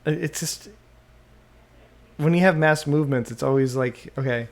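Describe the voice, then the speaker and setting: A man hosting a solo podcast, thinking out loud and often trailing off and restarting mid-sentence, into a desktop microphone. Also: fairly high pitch, moderate pace, vocal fry. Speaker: podcast host. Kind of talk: rambling solo podcast monologue. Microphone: USB desktop microphone.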